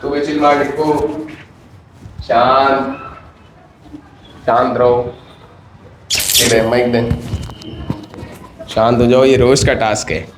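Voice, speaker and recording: A man hosting a roast battle game, firmly telling quarrelling players to calm down and sorting out who was at fault. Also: mid-range voice, slow, long pauses, echoey room, noisy background. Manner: firm, repeatedly calling for calm. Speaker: host and referee of a contest show.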